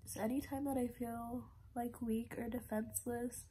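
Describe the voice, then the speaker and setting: A woman's voice: fairly high pitch, level tone, moderate pace, mellow. A woman in her twenties vlogging casually, subdued, sore and numb-mouthed after wisdom teeth removal, close to tears. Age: 20s. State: tearful, on the verge of crying. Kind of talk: casual confessional vlog. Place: small dim room at home, indoors. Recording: noisy room recording.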